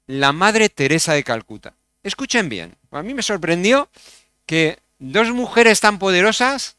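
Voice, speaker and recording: A man with a Spain Spanish accent preaching a sermon as pastor, swinging from loud exclamations to hushed storytelling and asking many rhetorical questions. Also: sits high, no room sound, clean studio sound.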